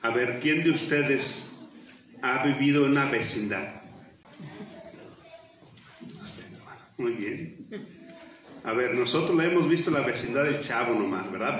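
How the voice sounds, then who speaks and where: Priest preaching, booming cathedral echo, mic far off, light hiss. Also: male voice, unhurried, pauses often, fairly bright tone. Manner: plain, conversational preaching. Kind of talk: gospel reading and homily. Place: large church. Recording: cathedral echo, distant mic, faint noise.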